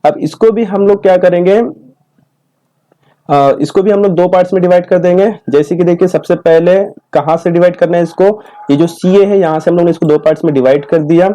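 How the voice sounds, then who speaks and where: A male science teacher, explaining a lesson step by step. His voice is soft and warm and sits a little high for a man. He asks questions and answers them himself, and he slows down to repeat each syllable. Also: fairly even intonation, rough recording.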